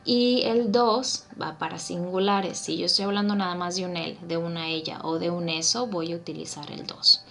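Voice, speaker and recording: A woman's voice: lowish voice, fairly even intonation, moderate pace, vocal fry, a bit bright, faint music behind. A woman teaching English grammar, patient, repeating points and checking in with her students.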